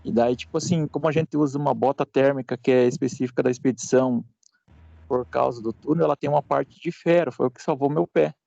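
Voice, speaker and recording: Student, man, very gravelly and mellow, halting delivery, dry muffled call audio. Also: medium pitch, fairly even intonation, dry recording. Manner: hesitant, halting with fillers and restarts. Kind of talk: recounting an accident in an online class.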